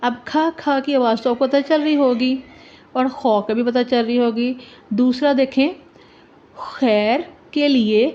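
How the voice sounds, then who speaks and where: Female teacher, slow and repetitive, high-ish voice, muffled recording. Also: dark tone. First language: Urdu. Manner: repeats letters and words, checks in with "ठीक है". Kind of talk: slow, deliberate alphabet lesson for teachers and children. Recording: dull lo-fi recording.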